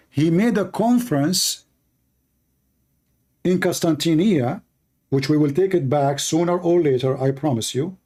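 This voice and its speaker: A religious debate host with a fairly high, dark-toned voice presents a polemical commentary on religion. He is a native Arabic speaker whose English comes out emphatic, repetitive and non-native in phrasing.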